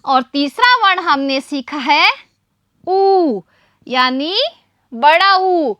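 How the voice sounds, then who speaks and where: A woman teacher giving a slow, patient lesson to small children, asking questions and then answering them herself. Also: high-pitched, pushed and bright, no room sound, clean studio sound. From India. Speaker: primary school teacher.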